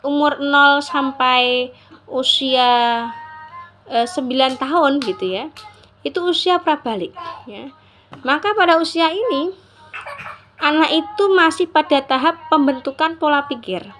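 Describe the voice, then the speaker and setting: Woman, high voice, casual parenting lesson, faint noise. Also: fairly bright tone. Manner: chatty, addresses listeners as mothers, frequent "gitu ya". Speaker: Islamic parenting teacher. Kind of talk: casual religious parenting talk to mothers.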